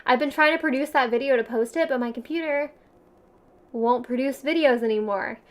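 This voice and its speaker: Casual, giggly livestream chatter comes from a young woman with a high voice and a slightly quick pace. Her Valley Girl accent carries plenty of slang and "like" filler, with frequent laughs between phrases.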